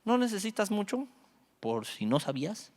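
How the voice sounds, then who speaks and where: A young man preaches to a youth group. He tells the stories in an animated way, acts out the dialogue and jokes with the crowd, and his voice swoops widely and sits fairly high. The sound carries a long hall reverb. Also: moderate pace. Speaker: youth pastor. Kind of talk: youth Bible study sermon.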